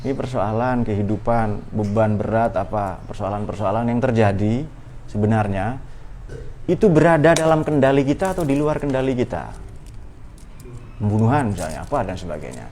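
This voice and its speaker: A man's voice: lowish voice, animated, moderate pace, darkish tone, slight background noise. A man giving an informal religious study talk, conversational and playful, with many rhetorical questions. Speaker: Islamic religious teacher.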